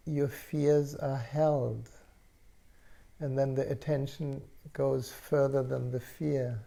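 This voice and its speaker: A man speaking as a spiritual teacher in an unscripted satsang, slow and serene like a guru, with long pauses and a soft, gravelly voice. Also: mid-range voice. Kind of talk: unscripted satsang talk, answering questions. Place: online video call session.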